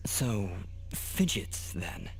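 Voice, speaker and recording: Earnest, bewildered young warrior. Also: male voice, extremely slow, faint music behind. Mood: puzzled, polite. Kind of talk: video game voice acting.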